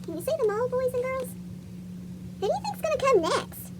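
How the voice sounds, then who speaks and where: A tiny chipmunk tells a children's storybook in a squeaky cartoon voice. It is extremely high and swoops up and down with animation. Loud noise runs through the recording. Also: very animated, brisk. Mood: chirpy storytelling. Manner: asks young listeners questions. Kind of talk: read-aloud picture book storytelling.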